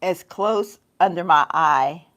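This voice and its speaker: A woman's voice: on the low side, slow pace, a bit bright. A middle-aged woman chatting casually on a get-ready-with-me livestream, calling her viewers y'all and laughing often as she talks through her makeup. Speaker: beauty vlogger. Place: home.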